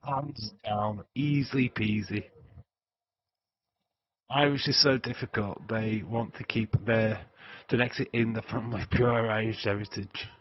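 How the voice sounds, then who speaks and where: This livestream host, an Englishman with a Yorkshire accent, has a lowish, steady voice and talks at a measured pace. The recording is muffled but has no echo, and his casual chat with viewers rambles along with frequent laughter and plenty of filler sounds.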